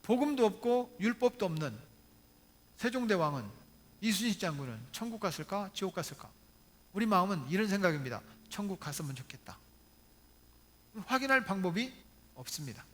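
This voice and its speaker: Brief: male pastor, high voice, lively Sunday sermon, engages the congregation with questions and jokes. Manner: preaches with questions to the congregation and humorous asides; retells stories with acted quotes. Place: church, Sunday service video.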